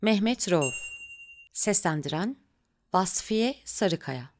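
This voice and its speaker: A woman narrating a literary audiobook in a measured, unhurried reading. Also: lowish voice, expressive, a little mellow.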